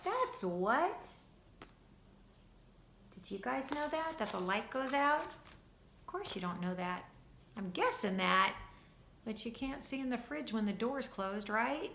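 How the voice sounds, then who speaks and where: A woman teacher reading a storybook aloud to children, expressive and speaking to them directly. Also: a little high, vocal fry, echoey room.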